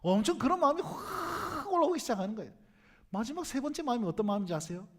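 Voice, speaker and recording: A man's voice: extremely high pitch, quick pace. A middle-aged male pastor preaching a sermon, telling stories and acting out the voices in them. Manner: animated, acts out quoted voices with sudden loud bursts and quiet asides. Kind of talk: sermon with lively storytelling.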